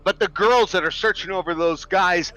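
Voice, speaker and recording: In lo-fi sound, a man in his thirties harangues his stream viewers with impassioned, preachy, profanity-laced emphasis. His voice sits high and has a sharp tone, moving at a moderate pace.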